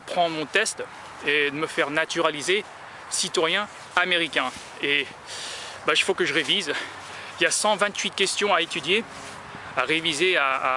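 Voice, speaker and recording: A man from France vlogging as he walks outdoors, talking in a rambling, hesitant way full of filler sounds. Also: fairly high pitch. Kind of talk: casual walking monologue. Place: outdoors in a town, walking in the sun. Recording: noisy outdoor street recording.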